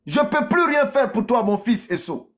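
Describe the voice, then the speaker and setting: A man's voice: very high-pitched, lively intonation, moderate pace, pitched above the performer's own voice. A man voicing a sorrowful old father who laments that he can do nothing more, drawing his words out in a half-sung way. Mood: sorrowful, helpless.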